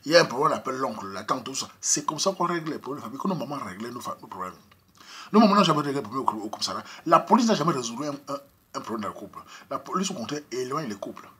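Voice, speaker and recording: A man with a Cameroonian French accent holds forth in a rapid, preachy monologue, hammering his points again and again. His voice is rough and raspy yet sharp and forceful, and it swings widely in pitch as he climbs into emphatic outbursts. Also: big pitch swings. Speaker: vlogger giving opinions. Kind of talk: impassioned opinion monologue. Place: Europe.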